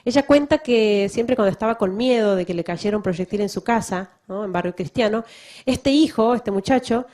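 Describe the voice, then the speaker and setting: A woman's voice: medium pitch, normal speed, a little mellow. A woman missionary giving a testimony to a church audience, emphatic and full of rhetorical questions. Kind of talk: public talk to a church audience.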